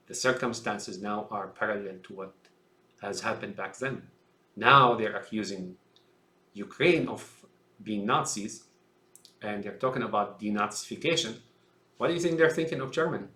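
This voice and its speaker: A man from Syria holds forth in a loose, halting political monologue, looping back on his words and padding them with fillers. His voice sits low, and he keeps calling his listeners folks. The recording carries a noticeable roomy echo. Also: a bit bright. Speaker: commentator.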